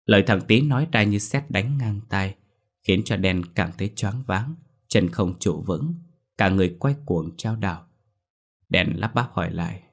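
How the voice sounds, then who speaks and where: A man narrating a scripted horror story in a measured storytelling manner. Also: low-pitched.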